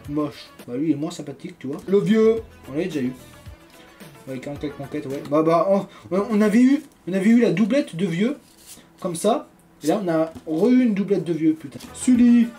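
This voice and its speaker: A man's voice: sits high, expressive, brisk, dark tone, faint music behind. A man giving casual, jokey unboxing commentary, reading card captions aloud as he goes. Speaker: YouTuber opening trading cards.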